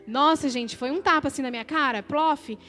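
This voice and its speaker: A woman's voice: high-pitched, brisk, bright, forceful tone, faint music behind. A Brazilian woman giving an emotional, conversational testimony in a church service, often tagging her sentences with questions.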